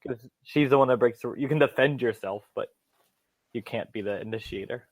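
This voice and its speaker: A man's voice: medium pitch, brisk, no room sound. A man co-hosting a casual movie podcast, making dry, sardonic quips. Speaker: podcast co-host. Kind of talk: casual chat.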